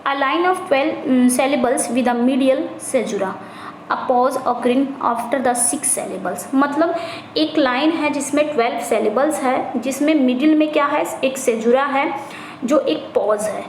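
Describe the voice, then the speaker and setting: A woman with a high voice teaches an exam-prep lesson. She reads each English question out slowly, then explains it in Hindi, repeating phrases as she goes. The recording is roomy and echoey, with a faint hiss behind her. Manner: repeats phrases, corrects herself. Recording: echoey room, faint background noise.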